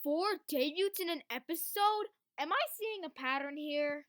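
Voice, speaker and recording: A woman's synthetic voice playing a boastful cartoon character who strings together long, elaborate insults. The voice is high-pitched and recorded dry and close. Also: animated, a little slow, a bit bright, no room sound. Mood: surprised. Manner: wordy, insulting. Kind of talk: fan-made text-to-speech cartoon.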